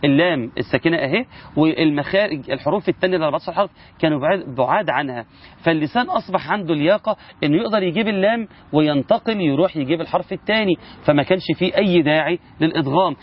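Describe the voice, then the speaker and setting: A man's voice: on the high side, animated, rapid-fire, highs cut off. A man with an Egyptian accent, teaching Quran recitation rules in a casual spoken lesson and asking his listeners rhetorical questions. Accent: Egyptian Arabic.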